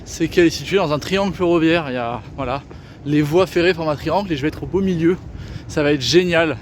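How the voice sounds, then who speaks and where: A man's voice: on the high side, quick pace. Tired, chatty male travel vlogger. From France. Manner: chatty, enthusiastic, many fillers. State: tired, sore feet. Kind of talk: casual travel vlog. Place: outdoors in a city and indoors in a hostel. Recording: street noise behind a handheld camera.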